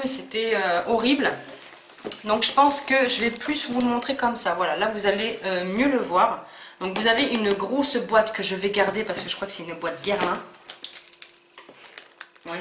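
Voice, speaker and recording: Chatty woman vlogging in echoey room. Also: mid-range voice. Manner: chatty, hesitant, many fillers and restarts. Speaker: beauty vlogger. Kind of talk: casual unboxing vlog. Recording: echoey room with faint noise.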